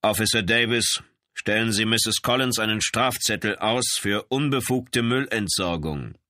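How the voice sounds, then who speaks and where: A man's voice: on the low side, measured pace, pushed and bright, no echo, clean studio sound, pitched above the performer's own voice. A man voicing a brutal, mocking police lieutenant in an audiobook, barking orders with a sneer. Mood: mocking commands. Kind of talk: audiobook character voice.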